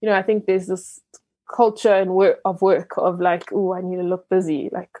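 A woman from Ghana, a young entrepreneur, speaks in a lowish, fairly even voice with a mellow tone. She thinks aloud with many pauses and self-corrections, and the recording is close and dry. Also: no echo. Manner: reflective, with frequent fillers and restarts. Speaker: entrepreneur guest. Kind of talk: interview conversation.

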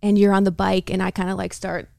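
An American woman co-hosting a podcast, telling a story in an animated, casual way with frequent laughter and acted-out quotes. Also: mid-range voice, fast talker, creaky, dry recording, clean studio sound. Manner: animated, laughs often, acts out quoted dialogue. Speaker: podcast co-host.

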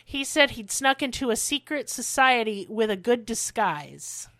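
A woman's voice: on the high side, animated, unhurried, fairly bright tone. A woman hosting a podcast, telling history in a blunt, sarcastic way and swearing freely. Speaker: podcast host. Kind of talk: casual history chat.

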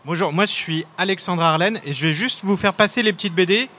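A man's voice: high-pitched, a little fast, pushed and bright, slight background noise. A man, a comic scriptwriter, interviewing his illustrator in a chatty, joking way. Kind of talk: casual interview.

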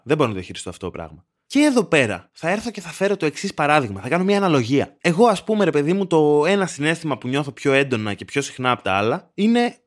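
A man in his thirties hosting a solo podcast from his bedroom, ranting in a sardonic, deadpan way. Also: mid-range voice. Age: 30s. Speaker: podcast host. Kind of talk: solo comedic podcast monologue.

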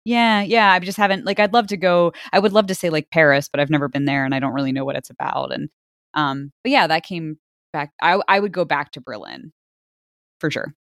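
A woman's voice: low-pitched, a little fast, a bit bright, no room sound, studio quality. A woman co-hosting a podcast, chatting casually about travel with many filler words. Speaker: podcast co-host. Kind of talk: casual chat.

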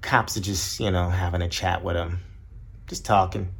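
A man hosts his podcast solo, delivering a blunt, profanity-heavy rant full of rambling asides and mimicking other people in high voices. His intonation is fairly even and his pace normal, with vocal fry and a fairly bright, slightly rough tone.

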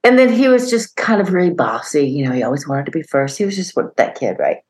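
A middle-aged woman co-hosting a podcast, telling a story in a lively way and acting out the voices of the people in it. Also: low voice, quick pace. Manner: animated storyteller, acts out quoted voices, laughs often. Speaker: podcast co-host. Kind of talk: casual storytelling chat.

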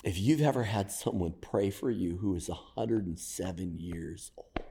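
A man speaking as a podcast guest, telling stories conversationally and deliberately, pausing for emphasis. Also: sits low, noisy background. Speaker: podcast guest, church pastor. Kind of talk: conversational storytelling and reflection. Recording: long reverberant room sound.

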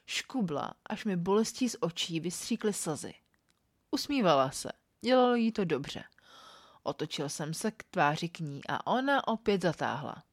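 A woman reading an erotic story aloud in a calm, even first-person storytelling manner. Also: lowish voice, no echo, clean studio sound. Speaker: podcast storyteller.

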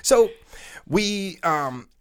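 A man's voice: high-pitched, animated, very slow, smooth. A man co-hosting a podcast in a loose, laid-back, chatty way, with casual swearing, talking into a podcast mic during a live stream. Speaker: podcast co-host. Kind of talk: casual chat.

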